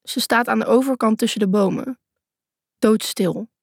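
Tense higher-voiced woman narrating a thriller. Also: fairly quick, husky, no room sound, studio quality. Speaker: audiobook narrator. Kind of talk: first-person thriller narration.

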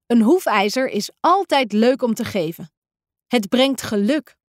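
A woman reading as an obliging male horse from a children's storybook, easygoing and a little sighing. His lines move up and down in pitch and come at an unhurried pace. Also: lively intonation, dry recording, clean studio sound.

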